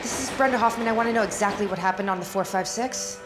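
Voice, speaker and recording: An actress playing a firm, authoritative agency officer who keeps her frantic boss calm in action film dialogue. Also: mid-range voice, fast talker, close to an everyday voice. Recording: film dialogue under loud score. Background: film music.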